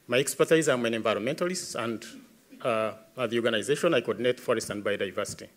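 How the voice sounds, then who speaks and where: This environmentalist, a man in his thirties with a Ugandan English accent, testifies earnestly before a tribunal, his emphasis growing as he speaks. His mid-range voice moves at a quick pace, picked up by a podium microphone on a large, dark conference stage.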